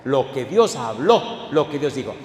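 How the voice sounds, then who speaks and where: A male pastor preaching a sermon, firing questions at the congregation and swinging from hushed asides to loud emphatic declarations. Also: mid-range voice, sing-song, a little slow, a little hiss or hum. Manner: call-and-response questions to the congregation. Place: church hall. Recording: echoey hall with faint ambience.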